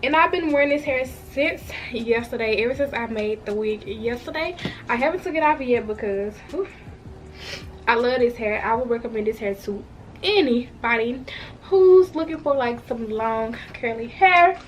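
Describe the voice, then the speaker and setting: A woman's voice: fairly high pitch, lively intonation, moderate pace, a little hiss or hum. A woman in her twenties with a congested, stuffy voice, chatting straight to viewers in a casual hair review vlog at home. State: congested from a cold. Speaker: hair vlogger. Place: at home, washing machine running nearby.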